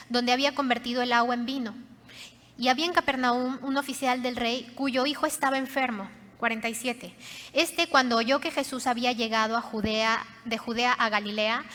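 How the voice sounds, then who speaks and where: A woman pastor preaching a sermon, telling the story dramatically and often dropping to soft, hushed tones. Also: a little high. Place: church hall. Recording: reverberant church hall.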